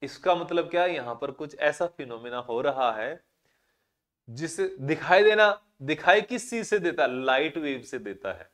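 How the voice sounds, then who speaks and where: Lively male physics teacher. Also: a little high, unhurried. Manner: explains with rhetorical questions and everyday examples. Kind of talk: classroom lecture.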